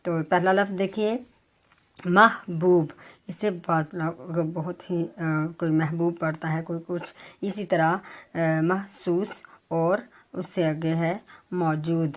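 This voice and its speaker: Woman teaching pronunciation, slow and formal. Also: on the low side, steady tone, darkish tone. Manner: spells out vowel marks slowly, word by word; careful, formal delivery with frequent hesitations. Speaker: Urdu teacher. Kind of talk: pronunciation lesson to students.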